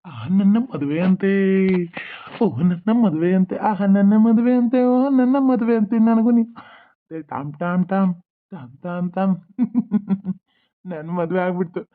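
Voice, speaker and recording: A woman's voice: medium pitch, a little slow, close to an everyday voice. A woman voicing a simple-minded, worried young male king in a cartoon, muttering his thoughts aloud. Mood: giddy. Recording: tinny phone-like lo-fi audio.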